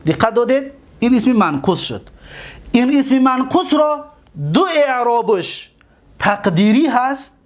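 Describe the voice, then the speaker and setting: A man with a Tajik accent teaching a grammar class. He explains slowly, repeats words and keeps asking his students questions. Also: high voice.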